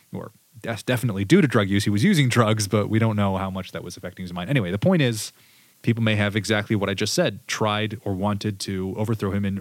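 Low-voiced man hosting a history podcast. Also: no room sound. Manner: conversational, reads quotes from sources. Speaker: podcast host. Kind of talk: casual history podcast chat.

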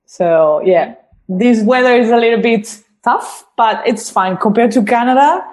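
A woman's voice: on the high side, lively intonation, a little slow, darkish tone. A woman from Spain with a Spanish accent, a guest chatting casually and laughing often. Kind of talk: casual chat.

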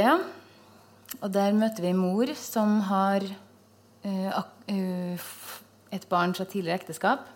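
A woman hosts a relaxed interview in a mid-range voice. She talks in a thoughtful way, feeling for her words as she goes. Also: medium pitch. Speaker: host. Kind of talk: conversational interview.

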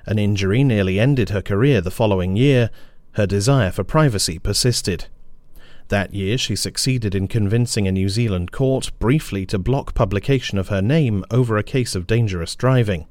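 A man reading a scripted news briefing in a measured, formal newsreader manner. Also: on the low side, darkish tone, no echo. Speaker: news presenter.

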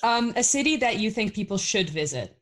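A woman interviewer, upbeat, asking quick rapid-fire questions. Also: mid-range voice, big pitch swings, fairly bright tone. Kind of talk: casual interview.

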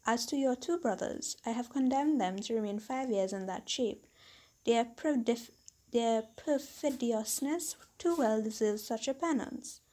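A woman's voice: a little high, measured pace, warm tone. A woman voicing a proud, vengeful fairy wife who speaks in stately, formal phrases. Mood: stern.

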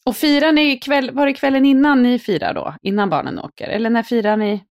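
A woman's voice: fairly high pitch, darkish tone, no room sound, clean studio sound. A middle-aged woman co-hosting a podcast, chatting casually with eager reactions. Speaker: podcast co-host. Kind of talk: casual chat. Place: podcast studio.

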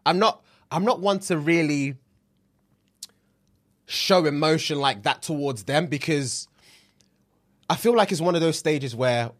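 A man's voice: fairly high pitch, measured pace, long pauses. A young man with a London accent and street slang, having a casual podcast rant about football as co-host.

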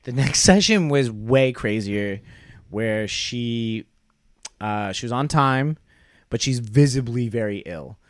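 A young comedian, a guest on a casual podcast, tells a rambling, wry story that trails off into quoted asides. His voice is medium-pitched, animated and slow.

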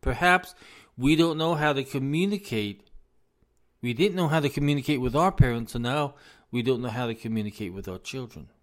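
This man, whose voice sits in the mid range and moves a little fast, addresses parents directly with earnest, informal guidance on parenting. He repeats himself to stress his points while his voice is fading.

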